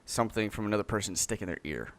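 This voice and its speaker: A man's voice: on the low side, lively intonation, racing, creaky, fairly bright tone. A man hosting a casual podcast chat, rambling through points, joking and swearing casually. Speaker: podcast host.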